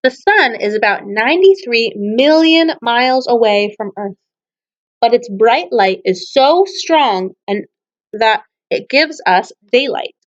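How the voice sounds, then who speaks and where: Speaking slowly and expressively in a fairly high voice, a woman teacher reads children's poems aloud, explains things to young listeners, and often asks them questions. The audio is dull.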